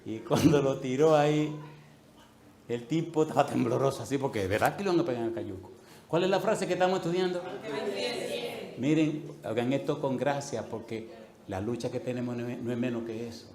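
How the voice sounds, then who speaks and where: A male pastor preaching a sermon, telling an animated story and acting out the voices in it. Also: medium pitch, fairly quick, slight background noise. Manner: animated, acts out voices in anecdotes. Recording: echoey room.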